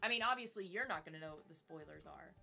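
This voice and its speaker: A woman's voice: deep voice, expressive, fast talker, vocal fry, pushed and bright, soft background music. A woman co-hosting a game stream in casual conversation. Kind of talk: casual livestream chat.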